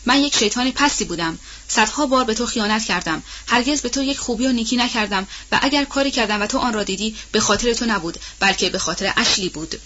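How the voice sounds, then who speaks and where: A woman's voice: a little high, sharp tone, muffled recording. A woman voicing a proud, headstrong young woman overcome by grief, her voice rising with emotion. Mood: anguished.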